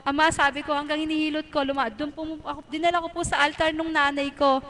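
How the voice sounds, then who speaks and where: High-pitched middle-aged woman sharing a faith testimony at church, earnest and polite. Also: level tone, quick pace, a bit bright. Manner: earnest, polite, prays aloud in quoted prayers. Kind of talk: personal religious testimony. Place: church gathering.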